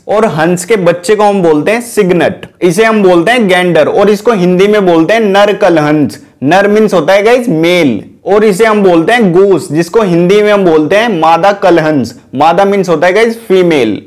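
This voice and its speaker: Man, high voice, English teacher, chatty vocabulary lesson, addresses viewers as guys. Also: a little mellow. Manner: chatty, keeps saying "guys"; corrects himself mid-lesson.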